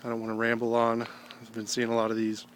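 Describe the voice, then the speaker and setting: An American man talking casually with a pipe in his mouth, rambling in a halting, reflective, unhurried way. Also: medium pitch, completely flat delivery, a bit bright. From Ohio, United States. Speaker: video blogger. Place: outdoors on an evening stroll. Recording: noticeable background noise, ambience.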